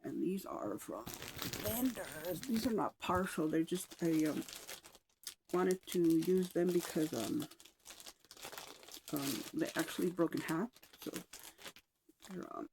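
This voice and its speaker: A woman vlogger chatting casually at home, rambling a little with sighs and soft asides, slightly out of breath. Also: on the low side, animated, slow, gravelly, pauses often, background noise. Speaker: wax melt vlogger. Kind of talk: casual chat. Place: home room with oil diffuser.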